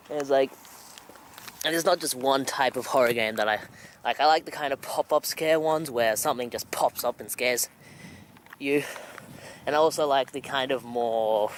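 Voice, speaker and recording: A young man with an Australian accent talks casually to a handheld camera. He breathes heavily as he walks, in a mid-pitched voice. The outdoor recording carries some faint noise. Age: young adult. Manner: heavy breathing while walking. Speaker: vlogger. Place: outdoors at night, walking in a suburban riverside area. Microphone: handheld camera at arm's length.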